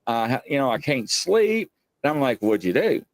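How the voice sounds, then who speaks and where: This late-forties male show host chats casually, telling meandering, homespun stories forcefully and performing the dialogue he quotes. His voice sits mid-range with big swings in pitch, at a normal speed. The sound is dry.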